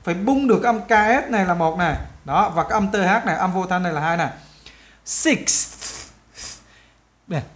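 Vietnamese guy teaching english, patient, says words over and over slow. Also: high-pitched, fairly bright tone. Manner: patient, repeats words slowly for drill. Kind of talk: explaining English grammar to students.

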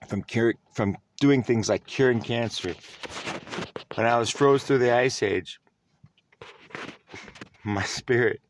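A man's voice: lowish voice, a little hiss or hum. A man giving a self-recorded vlog monologue, earnest and rambling, often restarting his sentences. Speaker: vlogger.

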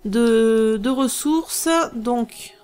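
A woman hosting a let's play, thinking aloud through strategy gameplay in a musing, hesitant way with many pauses. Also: a little high, warm tone, clear, resonant tone.

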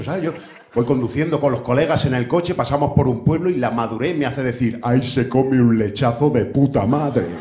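A man's voice: medium pitch, darkish tone, slight background noise. A man in his thirties with a Spain Spanish accent doing a stand-up comedy monologue on a theater stage, brash and profane, chatting with the crowd. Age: 30s. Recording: echoey theater with faint audience.

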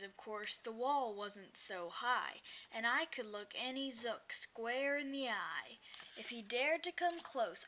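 Bright-voiced woman reading a rhyming picture book. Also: a little high, a little hiss or hum. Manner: lilting rhymed reading. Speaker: storyteller. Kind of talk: children's picture book read-aloud.

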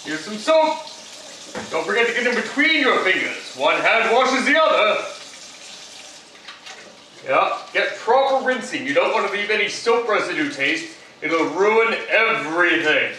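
A heavily acted Batman, voiced by a young man, brags his way through a comic cooking demonstration in a home kitchen, rambling with fillers in a cocky mood. His high voice has lively intonation and an unhurried, bright, forceful tone. The mic is far off in the echoey room, with slight background noise.

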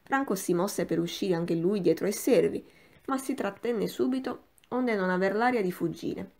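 Gravelly-voiced woman reading an audiobook. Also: mid-range voice. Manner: measured, expressive literary reading. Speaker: audiobook narrator. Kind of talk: scripted audiobook narration.

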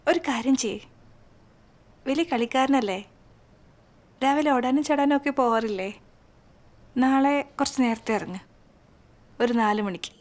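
An actress playing a young woman who softly coaxes the man she loves. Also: sits high, measured pace, long pauses. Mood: coaxing. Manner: soft, coaxing. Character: sweet, coaxing young woman in love. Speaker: film actress.

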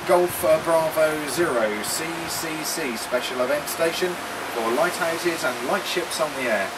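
A man working as an amateur radio operator, calling out call signs in a measured way with hesitant pauses, heard over a fading shortwave radio link. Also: a little high. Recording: distant, heavily noisy radio signal.

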